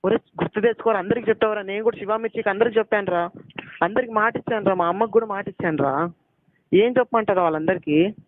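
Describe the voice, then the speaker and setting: A man's voice: high-pitched, fast. Pleading young man on a tinny phone call. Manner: pleading, accusing, repeating questions. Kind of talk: heated phone argument.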